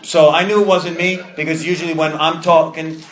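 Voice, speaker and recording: The audio is poor and reverberant, carrying a man's fairly high, steady-toned voice at a brisk pace. He's in his thirties, has a New York accent, and gives earnest testimony to a recovery group in a meeting room, often repeating and restarting phrases.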